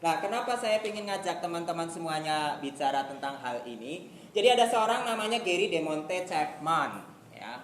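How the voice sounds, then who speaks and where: A woman's voice: fairly low pitch, lively intonation, normal speed. A woman teaching a youth group in casual classroom style, chatty and acting out little scenes between friends. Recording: echoey room with faint noise.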